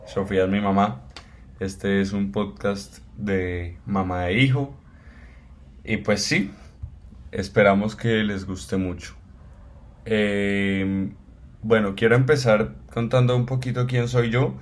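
A man's voice: fairly low pitch, steady tone, slow. An eighteen-year-old man from Cali with a Colombian accent, co-hosting a casual podcast intro with many fillers and restarts. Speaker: podcast co-host.

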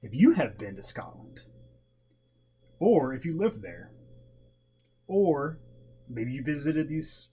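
A man's voice: a little high, very animated, slow, pauses often, mellow. A man co-hosting a podcast in casual chat about ghost stories, with a jokey, teasing manner. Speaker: podcast co-host. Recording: clear background noise with hum.

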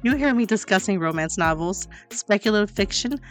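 A woman's voice: mid-range voice, animated, a little fast. Confident, sassy woman in her forties. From Louisiana, US. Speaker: podcast contributor, romance author. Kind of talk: prepared self-introduction. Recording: podcast with faint music underneath.

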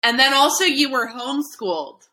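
A woman's voice: high voice, fairly even intonation, normal speed, sharp tone, poor audio. A young woman from South Florida hosting a podcast, chatting playfully and teasing her guest. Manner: playful, teasing, laughs often. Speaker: podcast host. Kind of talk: casual podcast chat.

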